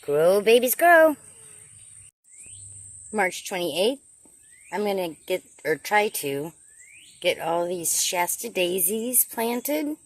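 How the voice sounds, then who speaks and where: With no room sound in the recording, this lowish-voiced woman speaks slowly yet animatedly. She's filming a casual garden vlog outdoors, chatting and thinking aloud as she works.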